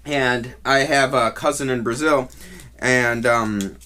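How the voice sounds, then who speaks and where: A man with an average-pitched voice shares a personal story as a casual vlogger. His delivery is loose and rambling. He halts and doubles back on his phrases as he goes. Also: fairly even intonation, pushed and bright. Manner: rambling and halting, with trailing restarts.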